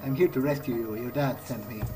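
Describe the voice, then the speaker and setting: Over game soundtrack music, a let's player improvises in character, speaking casual dialogue with hesitant, conversational phrasing as he plays. His voice is medium-pitched, steady, and brisk, and the recording is rough.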